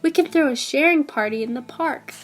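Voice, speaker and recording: A woman's voice: high-pitched, a little fast, close to an everyday voice. A woman voicing a kind, encouraging female cartoon bear in a children's storybook. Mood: enthusiastic.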